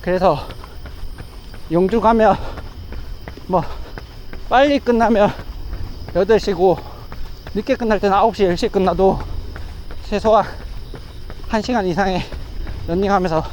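A man's voice: high-pitched, darkish tone, low-quality recording. A man chatting casually on his own while running outdoors, speaking in short, broken phrases. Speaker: amateur runner vlogging. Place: outdoors along a riverside path. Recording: outdoor ambient noise.

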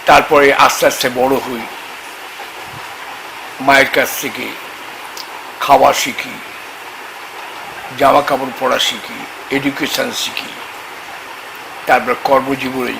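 A man, a tantric astrologer, talking slowly and haltingly about faith at a temple, with sudden loud emphatic bursts. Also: medium pitch, flat delivery, gravelly, background noise. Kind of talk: spoken religious talk to camera. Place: temple grounds, outdoors.

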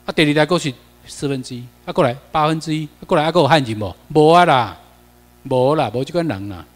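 A man's voice: a little high, fast talker, long reverb tail. A man with a Taiwanese accent giving a classroom lecture over slides. He talks in a chatty way, mixes in Taiwanese phrases and keeps asking the class questions.

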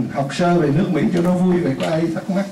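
A man's voice: sits high, fairly even intonation, brisk, vocal fry, mellow. A man teaching a class, explaining things in a chatty way with repeated examples and asides. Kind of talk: classroom lesson. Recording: roomy, distant mic, faint hiss.

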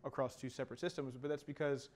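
A man in his twenties, co-hosting a casual video game discussion show, shares his opinions while seated in a small TV studio. His mid-range voice is fast, steady in tone and somewhat dark.

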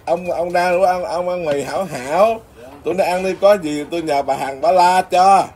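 A man's voice: high voice, normal speed, a little mellow. A man who is a Buddhist monk, chatting casually and teasing, laughing often. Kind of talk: casual chat. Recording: noisy background.

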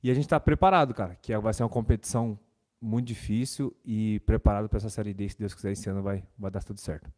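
A young Brazilian footballer sits at a desk microphone in his club's press room, casually fielding press questions while repeating words and leaning on fillers. He talks fast, in a dark, lowish male voice with fairly even intonation.

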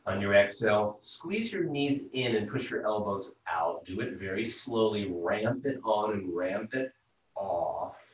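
A man leading a yoga class as instructor, calmly talking students step by step through breaths and stretches over a video call. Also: lowish voice. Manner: slow, calm step-by-step cueing of breath and movement. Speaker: yoga instructor and physical therapist. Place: room at home, teaching over video call. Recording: very echoey room, voice from far off the mic.

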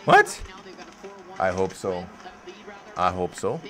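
A man hosting a live hockey watch-along, reacting casually to the game and chatting with viewers by name, swinging between low mumbling and sudden loud outbursts, often profane. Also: unhurried.

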